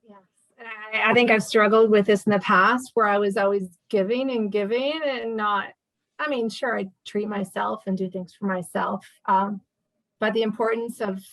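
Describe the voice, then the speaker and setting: A woman's voice: mid-range voice, steady tone, moderate pace, a bit bright, no echo, rough recording. A woman in her fifties, a guest chatting casually in an interview, talking with many fillers and restarts. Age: 50s.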